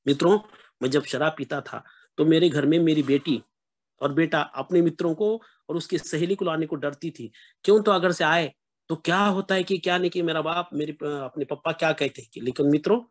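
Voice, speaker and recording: A middle-aged man with a noticeably high voice. He speaks earnestly to a support meeting, often turning to his listeners as friends. He drops in English words as he goes. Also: fairly quick. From Maharashtra, India. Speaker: recovering member sharing at a meeting. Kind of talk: personal recovery sharing at an online meeting.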